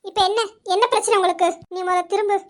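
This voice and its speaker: Woman playing inba, worried friend, nagging questions, super high voice, homemade drama. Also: steady tone, fast talker. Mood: insistent. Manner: insistent, scolding questions. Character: caring young woman friend, pushy and worried. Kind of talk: amateur Tamil audio drama.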